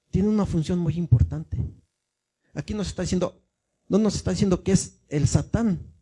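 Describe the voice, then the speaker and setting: A man's voice: sits high, mellow, slightly rough. A male minister giving a teaching sermon, explaining step by step and often asking the congregation if they follow. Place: church.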